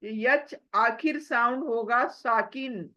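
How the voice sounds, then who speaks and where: Tajweed teacher: woman, very slow and patient, a bit high, dull lo-fi sound. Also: bright, forceful tone. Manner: patient, drawn-out syllables, asks and answers her own questions. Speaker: Quran recitation teacher. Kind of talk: slow tajweed lesson, spoken and recited.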